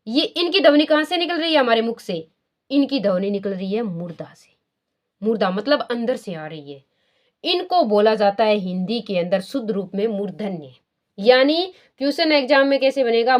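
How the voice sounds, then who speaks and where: A woman with a voice a little above the usual pitch teaches a grammar lesson. She poses questions and answers them herself, repeats the key terms, and slows right down to draw out each sound she demonstrates. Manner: draws out sounds slowly to demonstrate pronunciation.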